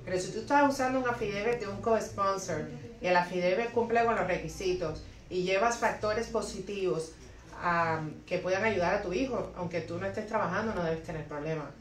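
A woman's voice: mid-range voice, fairly quick. A young woman, an immigration lawyer, answering viewer questions with practical step-by-step advice and frequent self-corrections, seated at her office desk. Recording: echoey office, voice a bit distant from the mic.

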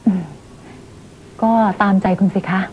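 An actress playing a bitter, neglected middle-aged wife and mother who talks in shrill, sobbing outbursts. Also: slow pace, narrow, tinny audio, noisy background, lightly acted. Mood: calm.

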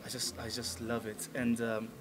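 Brief: enthusiastic male musician in his thirties, mid-pitched voice, clear restaurant chatter behind. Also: completely flat delivery, normal speed, background noise. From Tanzania. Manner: upbeat, enthusiastic, many fillers. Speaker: musician guest. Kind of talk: casual interview. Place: restaurant lounge, indoors. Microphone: table mic on stand.

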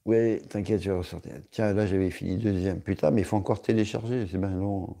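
A man's voice: sits low, fairly even intonation, a little fast, creaky, mellow. A man chatting casually on a live stream, answering his chat in a rambling, joking way with many hesitations.

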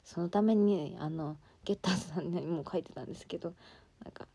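A woman's voice: lowish voice, quick pace, warm tone, husky, no echo. Chatty young woman with a Hakata accent. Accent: Hakata dialect. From Fukuoka, Japan. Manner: chatty, rambling with many fillers, giggly. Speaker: idol livestreamer. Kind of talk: casual livestream chat reading fan comments.

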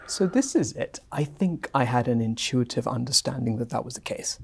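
A middle-aged man from Singapore, a guest historian answering at length in a measured, fluent way in a bright office lounge. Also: medium pitch, expressive, creaky, husky. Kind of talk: academic conversation.

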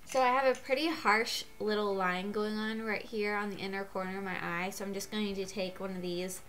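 A woman's voice: mid-range voice, steady tone, a little fast, a bit bright, slight background noise. A congested woman with a cold giving a chatty makeup tutorial, gushing and getting out of breath. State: gets out of breath. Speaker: beauty vlogger.

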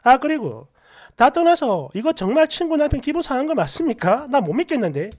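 Brief: an indignant, sarcastic woman storyteller with a bright, animated, high-pitched delivery. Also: a little fast. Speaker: story narrator. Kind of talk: first-person story narration.

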